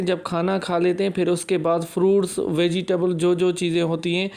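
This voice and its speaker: Male host, even and monotone, runs through numbered diet tips in a plain list style. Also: sits high. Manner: steady list-like delivery with English words mixed in. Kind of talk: numbered advice talk.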